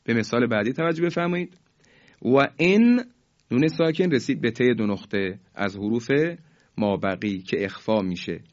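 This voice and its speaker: A man teaching Quran recitation rules in a formal, polite way, explaining each rule and then chanting the examples slowly and drawn out for students to repeat. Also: fairly low pitch, a little mellow. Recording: dull lo-fi recording.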